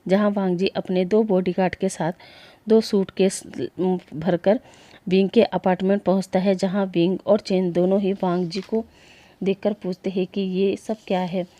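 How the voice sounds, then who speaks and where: A woman narrating a fan fiction story in a steady, plain retelling manner. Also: medium pitch, normal speed, dry recording.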